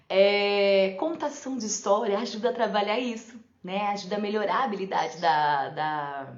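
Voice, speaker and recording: Chatty woman teacher in an echoey room. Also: on the low side. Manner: chatty, often adds "né?" and laughs. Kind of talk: live talk on teaching for parents and teachers. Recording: echoey room, slightly dull lo-fi sound.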